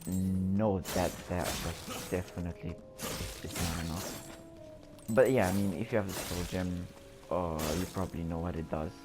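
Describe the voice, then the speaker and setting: A man with a low voice hosts a gameplay video. He talks casually, rambling and pausing as he thinks aloud. Game music is clearly audible behind him. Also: steady tone.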